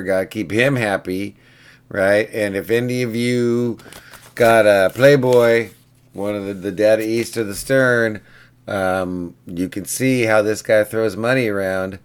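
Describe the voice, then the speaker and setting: Casual male vlogger, very low pitch, rambling storyteller, pinball repair guy. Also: clear, resonant tone. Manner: rambling, chatty, keeps asking "right?".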